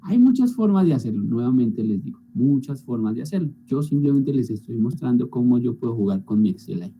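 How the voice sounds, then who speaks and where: A man's voice: medium pitch, expressive, a little fast, lo-fi sound. A male teacher walking students through spreadsheet calculations in an online class, often checking in with them. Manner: talks through spreadsheet steps, frequent checking tags.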